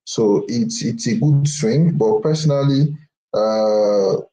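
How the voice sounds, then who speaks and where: A man's voice: mid-range voice, slow, warm tone, poor audio. A man on a video call, talking through trades in a loose, casual market discussion, often restarting and ending on "right?". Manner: loose talk with frequent restarts and "right?" tags. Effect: voice heard over a video call.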